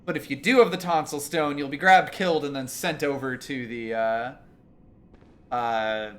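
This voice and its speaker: A man's voice: medium pitch, fairly even intonation, normal speed, a little hiss or hum. A man co-hosting a casual video game playthrough, explaining things with dry humor. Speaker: video game let's play co-host. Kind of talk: casual gameplay commentary.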